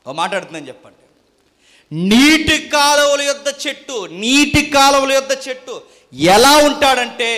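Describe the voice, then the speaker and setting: A man's voice: very high-pitched, sharp tone. A man preaching a fiery sermon, scolding and firing rhetorical questions at his congregation. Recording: long hall reverb.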